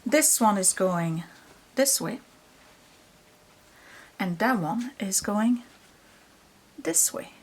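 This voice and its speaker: A woman's voice: medium pitch, lively intonation, drawn-out words, pauses often, breathy edge. A woman hosting a casual hands-on quilting tutorial, explaining step by step, with machine noise behind her voice. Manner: explains step by step, checking understanding. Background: sewing machine noise.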